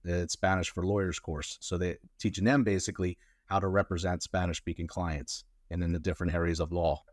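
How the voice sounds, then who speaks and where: Very low-voiced man, dry close sound. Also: level tone, a little fast, no room sound. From Colombia. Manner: rambling, many fillers and restarts. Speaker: immigration lawyer, guest. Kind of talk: casual interview answers.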